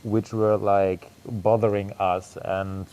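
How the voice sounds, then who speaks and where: A man's voice: fairly low pitch, level tone, slow, darkish tone, lo-fi sound. A young man in his twenties, an actor, answering casually on a video call, rambling with many fillers. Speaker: performer. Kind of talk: casual conversation.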